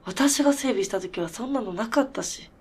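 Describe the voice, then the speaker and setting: In a radio drama, a woman voices a snowmobile mechanic who is bewildered yet determined, speaking casually and haltingly in disbelief. Her voice is husky, fairly high and animated, with a somewhat dark tone, and she sounds incredulous.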